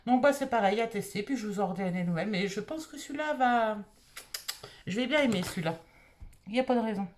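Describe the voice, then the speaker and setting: A woman's voice: medium pitch, animated, a little fast, a little mellow, slight background noise. A married woman from France, casually reviewing beauty products she bought and thinking aloud with lots of fillers. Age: adult, married. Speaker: beauty vlogger.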